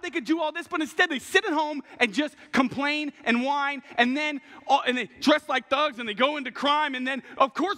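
High, bright-voiced young preacher. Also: male voice. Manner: passionate, animated, acts out what people say. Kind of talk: sermon. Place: large church stage at a pulpit. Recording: long reverb of a large hall.

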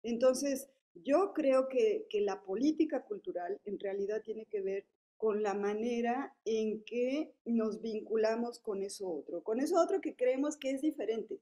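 This woman, a Mexican panelist in her fifties at a public policy forum, keeps her talk loose and conversational, with frequent fillers and tag questions in a Mexican Spanish accent. She sounds warm, unhurried, and on the high side.

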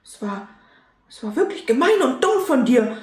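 A woman's voice: high-pitched, very animated, moderate pace, pitched above the performer's own voice. A woman voicing a cheerful little plush teddy bear in an eager tone, reading a storybook aloud. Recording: roomy echo.

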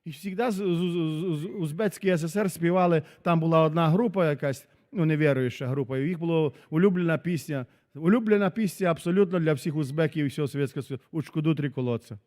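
A man preaching a sermon as a pastor, dramatic, swinging from loud exclamations to very soft asides. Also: a little high, fast, few pauses. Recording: long hall reverb.

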